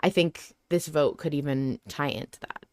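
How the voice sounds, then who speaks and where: A woman hosting a podcast casually discusses an audio drama, thinking aloud and often rephrasing and repeating for emphasis. Her voice is deep with fairly even intonation at a normal speed, in clean studio sound with no room sound.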